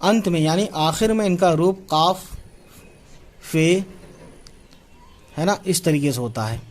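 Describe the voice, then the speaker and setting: Man slowly spelling out letters. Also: a little high, lively intonation. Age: 20s. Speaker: Urdu teacher. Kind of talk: spoken writing lesson.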